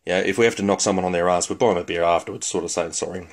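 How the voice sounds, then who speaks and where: An Australian man with a somewhat low voice rambles through a crude, profane comedic rant, blokey and offhand. It sounds recorded on a phone at home. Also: fairly even intonation, very fast. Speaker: vlogger.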